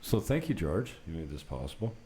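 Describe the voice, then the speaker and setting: Speaking fairly quickly in a warm, low, very animated voice, a man hosts a loose, unscripted podcast from an apartment set up for recording. He meanders through anecdotes with no filter and the occasional mild curse. Noticeable background noise runs underneath.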